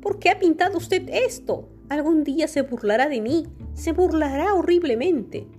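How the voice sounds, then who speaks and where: A woman voicing a vain, beauty-obsessed young man who pleads and breaks into high, anxious outbursts in a storybook reading. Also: animated, unhurried, a little mellow, soft background music. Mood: anguished.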